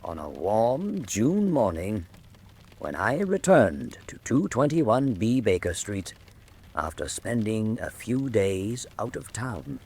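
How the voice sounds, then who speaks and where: A man playing a genial, middle-aged Victorian doctor and old soldier, formal and measured in a radio drama. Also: lowish voice, very animated, darkish tone, slightly rough, full character voice. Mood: reflective, grave. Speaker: narrator and character. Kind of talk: radio drama narration and dialogue.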